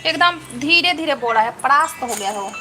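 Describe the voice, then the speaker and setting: A woman's voice: high-pitched, expressive, a little fast, background noise. A woman hosting a casual live stream from home on a phone camera, chatting and thanking viewers one by one.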